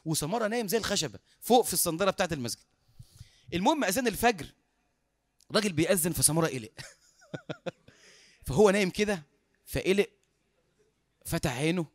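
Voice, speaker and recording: Fast-talking Egyptian preacher, high voice. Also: male voice, no room sound. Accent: Egyptian Arabic. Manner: animated storyteller, acts out dialogue, laughs often. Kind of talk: sermon storytelling.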